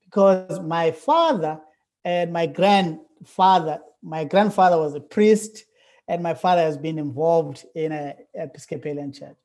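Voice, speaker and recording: Mellow South African man in his forties. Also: a little high, measured pace. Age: 40s. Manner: thoughtful, hesitant, many "uh"s. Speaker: curate, interview guest. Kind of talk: casual interview.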